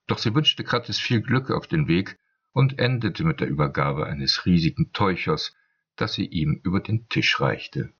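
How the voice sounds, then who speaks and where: A man narrating an audiobook in a steady storytelling manner. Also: deep voice, a little slow, slightly rough, muffled recording. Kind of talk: scripted narration.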